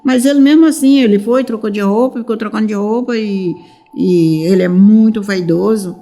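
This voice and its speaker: Warm-voiced São woman recounting. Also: mid-range voice, moderate pace. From São Paulo, Brazil. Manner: rambling retelling, many restarts, acts out the dialogue. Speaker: mother of a missing teenager. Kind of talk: emotional personal testimony.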